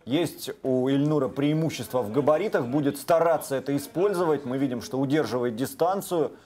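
A man's voice: mid-range voice, brisk, darkish tone. A man presenting and commentating live on mixed martial arts bouts. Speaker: sports commentator.

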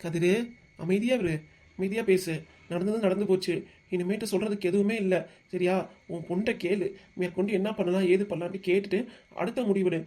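A man voicing a calm elderly grandfather with a southern Tamil accent, who coaxes his angry son to be patient. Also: high voice, a little fast. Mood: soothing. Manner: steady, coaxing and patient.

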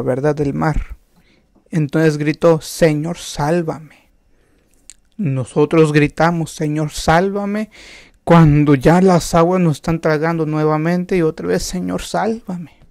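A man preaching a sermon, slow and emphatic, with rhetorical questions and frequent restarts. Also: fairly high pitch, creaky, a little mellow, no echo, clean studio sound.

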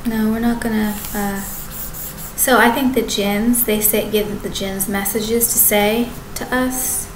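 In an echoey apartment living room, kitchen visible behind her, a thirtysomething vlogger speaks to a webcam at desk distance. Her rambling monologue is halting and full of restarts and self-corrections, delivered in a steady, mid-range voice over background noise.

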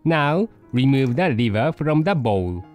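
A man voicing a poodle dog who hosts a cooking show, narrating a recipe in slow, deliberate steps. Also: medium pitch, big pitch swings, darkish tone, no echo, soft background music, rough recording. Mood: patient. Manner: slow, deliberate step-by-step instructions.

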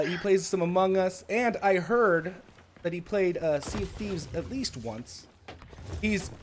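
A male game streamer who chats live in an excitable, flustered way, with frequent laughter and sudden outbursts. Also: high voice, a little hiss or hum.

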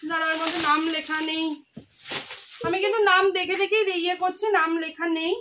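A woman's voice: extremely high pitch, steady tone, fast talker. A woman vlogger and mother, out of breath, chatting directly to her viewers in a casual unboxing vlog at home. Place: home, indoors. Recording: noisy home recording.

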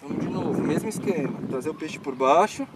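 A man in his thirties with a slightly high, animated voice talks fairly quickly as he hosts a fishing show from a rural pond bank. Amid heavy outdoor background noise, he gives live commentary explaining what he's doing while fighting a fish, coaxing it now and then.

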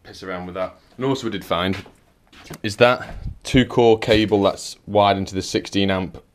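Man, very low voice, electrician talking through a job, dry and chatty. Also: moderate pace, slight background noise. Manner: chatty, dry, explains as he works. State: out of breath at times. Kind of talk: casual work vlog narration. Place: house being rewired, indoors.

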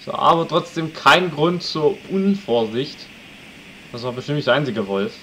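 A man's voice: a little high, expressive, moderate pace, a little hiss or hum, low-quality recording. A man casually commenting on a survival game he plays, joking and talking to his viewers. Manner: chatty, jokey, talks to the audience, shouts at wolves. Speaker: let's play commentator.

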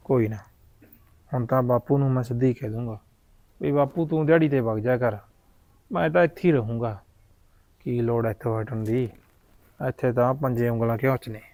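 A man's voice: mid-range voice, moderate pace, pauses often, a little mellow, no room sound, natural voice. A man with a Punjabi accent playing a scheming young farmhand who talks politely to the family and mutters lustful plans to himself. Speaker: hired farm worker.

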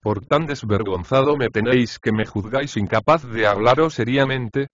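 A man's voice: mid-range voice, normal speed, no echo, highs cut off, close to an everyday voice. A man voicing a brash, mocking male house slave in an audiobook of a comic play. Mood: taunting. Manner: cheeky, taunting.

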